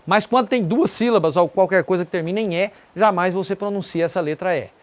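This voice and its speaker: An English teacher with a Brazilian Portuguese accent giving a pronunciation lesson, repeating example words slowly and pointing to written examples. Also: mid-range voice.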